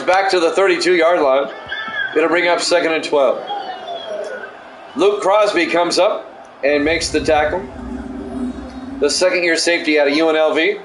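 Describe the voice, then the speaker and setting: Middle-aged male announcer with a somewhat high voice, calling plays in an even, matter-of-fact way; echoey, noisy home recording. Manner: measured, matter-of-fact play calling with casual asides. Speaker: play-by-play announcer and stream host. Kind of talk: simulated football play-by-play commentary. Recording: echoey room with steady background noise.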